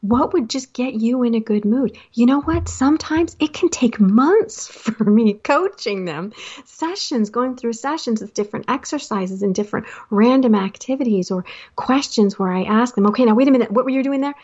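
A woman coaching people in a casual motivational talk, lively and quick to act out quotes in different voices. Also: on the high side, husky, lo-fi sound. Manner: animated, acts out quotes and laughs often. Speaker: life coach.

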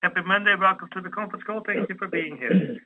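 A man's voice: high voice, fast talker, narrow, tinny audio. A man hosting a live conference call, greeting callers as they join. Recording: faint background noise on call.

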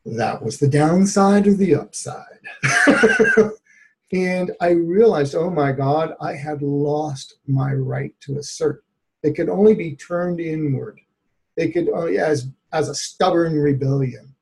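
As a guest in an interview, a therapist shares a personal story at an unhurried pace. His slightly high voice carries a gravelly fry, and he stays animated, laughing often as he talks.

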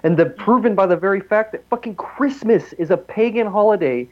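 A man's voice: high voice, lively intonation, fairly quick. Rambling, profane man on a lo-fi show. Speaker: podcast co-host. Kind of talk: casual profane talk show rant.

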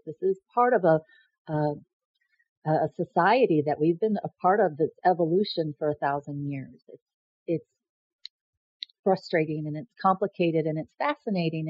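A rambling woman who hosts and calls herself a presidential candidate talks straight to camera in a casual monologue, often restarting and repeating words. Her voice sits low, and the recording is dry, dull, and lo-fi.

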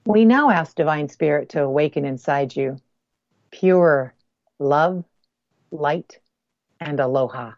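A woman leading a spoken guided meditation as a guest healer, speaking softly and close to the ear in deliberate, measured phrases with pauses. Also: deep voice, dry recording, highs cut off.

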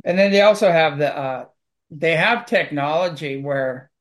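A man speaks in a voice pitched a little above the usual for men. He chats casually and wanders from point to point in an earnest, rambling way. He talks about his work clearing houses. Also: moderate pace. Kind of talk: casual conversation.

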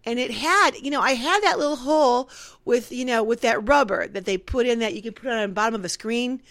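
A woman co-host tells a long story in a casual chat, acting out each voice in her tale with rising emotion. Her voice sits high and close to the mic with no room sound. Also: a little fast, no echo. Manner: animated storyteller acting out phone calls.

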